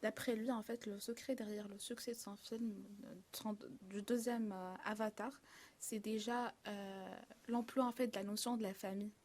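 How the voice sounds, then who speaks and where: A woman's voice: medium pitch, level tone, normal speed, a little mellow. A young woman, a film columnist on a live talk show, chatting in a casual, hesitant way with many fillers and restarts. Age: young adult.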